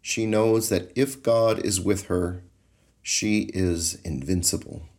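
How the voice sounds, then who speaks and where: Slow, deep-voiced man guiding meditation. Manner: calm, slow, measured, soothing. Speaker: meditation guide.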